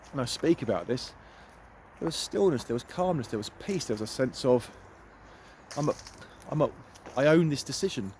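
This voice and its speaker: A man's voice: medium pitch, darkish tone. A middle-aged man and empowerment coach, speaking earnestly and emphatically as he walks through woods, repeating phrases for weight, recorded on a phone he holds. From United Kingdom. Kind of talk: walking vlog monologue. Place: outdoors in woods. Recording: faint outdoor noise.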